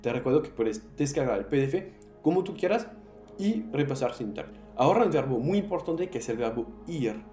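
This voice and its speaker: A man teaching an online language lesson, patiently repeating words slowly for drills and encouraging the learner directly. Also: mid-range voice, animated, dark tone, echoey room, soft background music.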